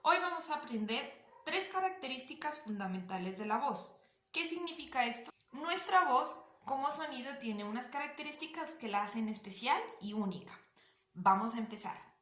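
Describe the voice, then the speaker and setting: A woman with a slightly nasal, high voice teaching a drama class, explaining and asking the listener questions. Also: expressive, normal speed, fairly bright tone, echoey room. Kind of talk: online voice lesson.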